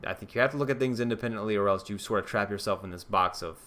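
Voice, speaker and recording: A man's voice: lowish voice, racing, fairly bright tone. A young man streaming live, casually thinking aloud and answering viewer questions with plenty of ums and restarts. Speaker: fantasy football streamer.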